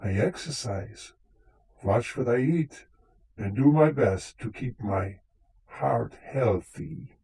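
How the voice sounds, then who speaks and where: A man's voice: mid-range voice, lively intonation, slow pace, vocal fry, dark tone, breathy edge, full character voice, rough recording. A man playing a vain, touchy, centuries-old vampire count in comic live radio theater, with a theatrical, formal way of talking. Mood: smug. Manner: theatrical, dryly boastful, formal phrasing.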